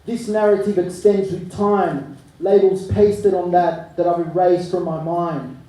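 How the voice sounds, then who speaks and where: Man, spoken word poet, high voice, dark mellow tone, heard from a distance. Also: steady tone, unhurried. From Chile. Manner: rhythmic rhyming delivery swinging between hushed and forceful. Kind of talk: live spoken word poetry. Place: live arts venue. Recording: echoey room, mic from far off.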